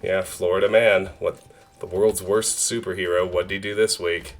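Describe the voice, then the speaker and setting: A man's voice: low voice, flat delivery, normal speed, faint music behind. A man in his thirties streaming a video game, chatting casually and joking with his viewers. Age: 30s. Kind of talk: casual live-stream chat.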